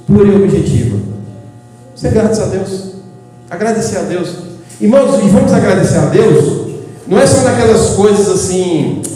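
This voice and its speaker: A man with a high-sitting, mellow voice and a Brazilian Portuguese accent preaches an informal evening sermon. His folksy, chatty style leans on everyday stories, frequent "né," and calling the listeners "irmãos," or brothers. The hall is echoey with a faint hum.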